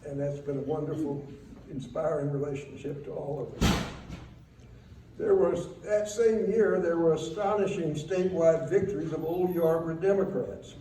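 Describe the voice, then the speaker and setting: An older man gives a fond, wry eulogy, reminiscing in a halting, faltering way with pauses. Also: a little high, steady tone. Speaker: eulogy speaker. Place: speaking at a memorial gathering in a room. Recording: roomy, distant mic, faint noise.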